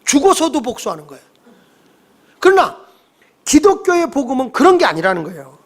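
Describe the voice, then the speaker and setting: A male pastor preaching a sermon in a lively way, leading the congregation through scripture readings and acting out little quarrels in character voices. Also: extremely high pitch, fairly quick.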